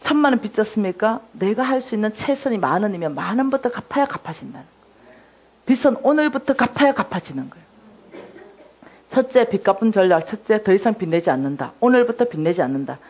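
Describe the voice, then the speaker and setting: A middle-aged woman giving a sermon testimony, telling her story with lively acted-out dialogue. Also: medium pitch, fast, slightly rough. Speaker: lay minister giving testimony.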